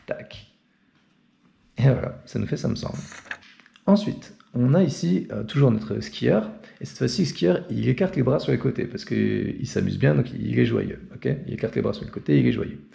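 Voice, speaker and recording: A man's voice: medium pitch, gravelly, mellow. A young man explaining an alphabet in a casual, chatty tutorial and often checking in with the viewer. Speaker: language teacher.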